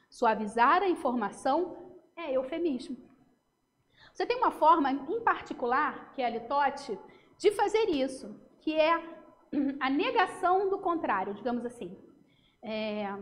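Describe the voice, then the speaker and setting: A Brazilian woman teacher talks through a recorded lesson in a lively, chatty way, often checking that her students follow. Her voice sits high. A long room reverb trails behind every word. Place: home.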